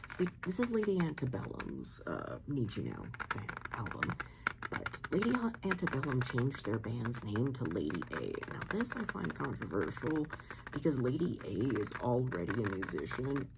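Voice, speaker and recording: Casting: soft ASMR talker of unclear gender, creaky, swinging pitch, slipping into whispers, casual and sweary, over loud noise and clicks. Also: wildly swooping pitch, moderate pace. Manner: casual, rambling, swears freely. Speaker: ASMR video creator. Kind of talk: soft-spoken ASMR show-and-tell, often dropping into whisper. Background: tapping, scratching and clicks.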